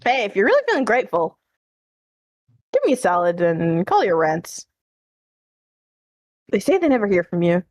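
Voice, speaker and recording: A woman's voice: mid-range voice, big pitch swings, moderate pace, long pauses, dry recording, natural voice. Female fan-dub role acted by a woman: smug, worldly celebrity lawyer, flippant wisecracks, dry close sound. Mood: smug, teasing. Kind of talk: fan dub character acting.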